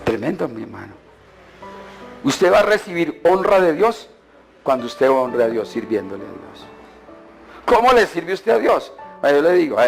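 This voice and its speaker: A man's voice: on the high side, vocal fry. A male pastor delivering a sermon, throwing questions at the congregation and mocking churchgoers in put-on voices.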